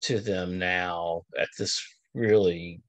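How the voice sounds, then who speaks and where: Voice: deep voice, fairly even intonation, slow. A satsang participant sharing a personal experience, earnest and searching for words.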